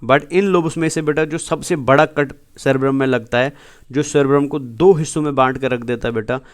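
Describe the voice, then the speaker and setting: A man gives a biology lesson in a smooth, clear voice. He walks his students through the material, poses questions and answers them himself, and slips English terms and whole sentences into his speech. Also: mid-range voice, fairly even intonation, fairly quick. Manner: keeps asking and answering his own questions, calls students "beta". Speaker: biology teacher. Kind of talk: exam-prep lecture over slides.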